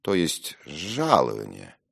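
A man's voice: rumbling low, wildly swooping pitch, slow pace, creaky, husky, full character voice. A man voicing a haughty, domineering young officer who talks down to others. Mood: patronizing. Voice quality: condescending, loud.

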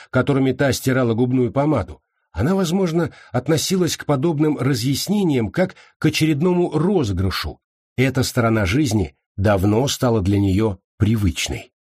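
A man narrating a novel as an audiobook in a slow, measured reading. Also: mid-range voice, darkish tone, breathy edge, dry recording, studio quality.

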